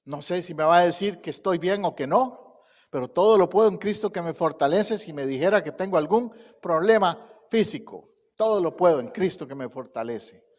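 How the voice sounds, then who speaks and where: A middle-aged man preaching a sermon, reciting scripture with rising emphasis and pausing often. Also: high-pitched, animated, in a large hall. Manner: slow, deliberate pacing with pauses. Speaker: pastor. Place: church sanctuary.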